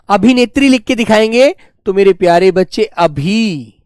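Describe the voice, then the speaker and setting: A male teacher giving a spelling class, dictating words slowly and repeating each one, talking to pupils in a fatherly way. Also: sits high, creaky, no room sound, clean studio sound. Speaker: Hindi teacher.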